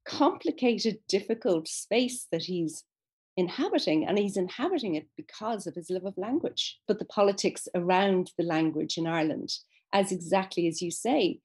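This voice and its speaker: As a literature expert being interviewed conversationally, a woman talks at a moderate pace in a medium-pitched, darkish, slightly rough voice with lively intonation. Her lengthy, thoughtful explanations are full of fillers and restarts.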